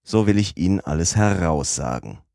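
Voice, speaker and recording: A man voicing a crafty, persuasive police detective who speaks low and insistently. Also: expressive, moderate pace, creaky, mellow, dry recording, studio quality. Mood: coaxing. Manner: low-voiced, coaxing, insistent.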